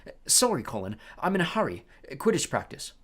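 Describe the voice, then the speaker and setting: A reader voicing a weary, resigned teenage schoolboy who answers flatly and heavily. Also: medium pitch, quick pace, breathy edge. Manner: flat, heavy, resigned.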